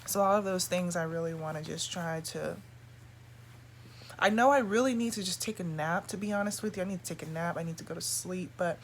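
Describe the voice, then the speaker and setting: Casual female vlogger, lower-than-average pitch, loose confiding chat, faint background noise. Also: brisk.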